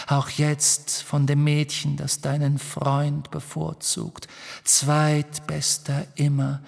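A man voicing a menacing male spirit trapped in a locket, speaking in slow hissing whispers. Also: medium pitch, gravelly, darkish tone, husky, big-room sound, pitched above the performer's own voice, exaggerated voice.

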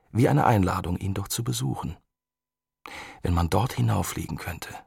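A man reading a novel aloud as narrator, in a calm, even storytelling manner. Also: fairly low pitch, creaky, husky, no room sound, studio quality. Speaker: audiobook reader. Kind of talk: scripted narration.

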